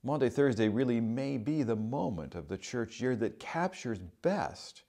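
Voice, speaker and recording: An older man, a bishop, preaching a sermon with a measured, earnest manner. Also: medium pitch, animated, mellow, in a large hall. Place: cathedral sanctuary, then a home dining room.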